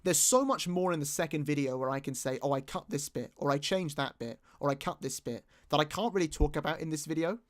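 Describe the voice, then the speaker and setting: A man's voice: fairly high pitch, brisk, few pauses. A British man giving casual, rambling commentary as he rewatches his own video, often restarting his sentences and poking fun at himself. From Britain. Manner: rambling, self-mocking, many restarts. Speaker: YouTube creator.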